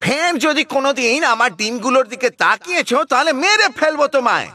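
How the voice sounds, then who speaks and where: Cartoon mother crow, bright high squawk, fretful and swinging wide in pitch. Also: sing-song, exaggerated voice. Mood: angry. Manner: fretful, quick to scold. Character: anxious mother crow, female, small, shrill.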